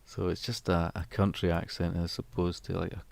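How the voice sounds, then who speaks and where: A man's voice: low voice, little pitch movement, fairly quick, vocal fry, a little mellow. A young man chatting casually with his live-stream viewers, rambling and chuckling as he reads their comments, sometimes drifting away from the mic. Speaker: musician streamer.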